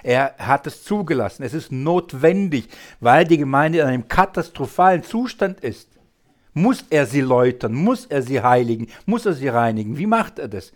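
A man preaching a Bible teaching sermon, emphatic and full of rhetorical questions. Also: a little high.

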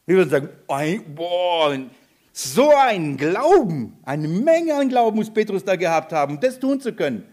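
High-voiced man preaching, animated, keeps firing questions at the church. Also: normal speed. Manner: animated, asks the congregation questions. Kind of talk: sermon.

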